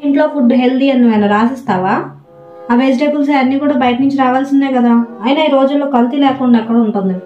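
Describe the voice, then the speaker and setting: A woman's voice: sits high, very fast. A young woman plays a daughter in a scripted family skit, talking back in a whiny way. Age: young adult. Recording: roomy, dull home recording with clear music.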